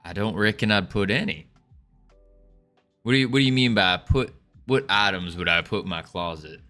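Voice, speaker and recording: Chatting with his stream viewers, a young man slips into a put-on Southern American accent and folksy cowboy banter, speaking at a moderate pace in a lowish, sharp-toned voice. Soft music plays in the background.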